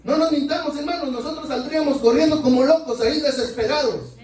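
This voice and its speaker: High-voiced preacher man in echoey church. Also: fast, a little mellow, a little hiss or hum. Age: adult. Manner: keeps addressing listeners as brothers, asks rhetorical questions. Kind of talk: sermon. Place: church sanctuary. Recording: echoey church, mic far off.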